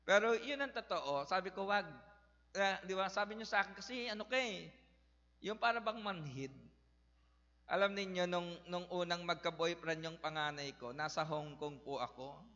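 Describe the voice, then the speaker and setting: A man's voice: high voice, normal speed, bright, forceful tone. A middle-aged man preaching a storytelling sermon in a folksy way, addressing the congregation as brothers and sisters. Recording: echoey hall, slightly dull sound.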